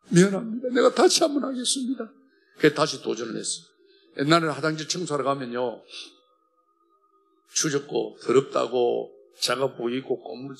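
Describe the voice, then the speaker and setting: His voice is mid-range and creaky, marked by a Gyeongsang Korean accent. The man, a church elder, gives a heartfelt testimony in a worship hall, passionately shifting from loud outbursts to hushed moments.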